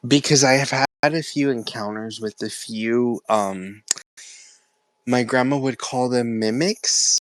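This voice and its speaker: A young caller from Texas speaks casually and hesitantly about his family and spirits, halting often and filling gaps with lots of "like" and "um." His voice is medium-pitched and the recording is dry.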